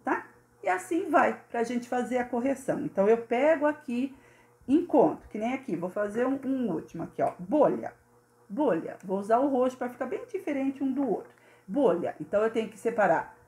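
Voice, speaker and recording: A woman teacher with a Brazilian accent talks young pupils through a worksheet in a patient, sing-song way, stretching out syllables as she reads them. Her voice sits fairly high. It echoes off the walls of a bare room. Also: animated, a little mellow. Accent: Brazilian Portuguese. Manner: patient, sing-song, speaks of herself as "a Pro", sounds out syllables slowly. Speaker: primary school teacher. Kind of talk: recorded lesson for young pupils.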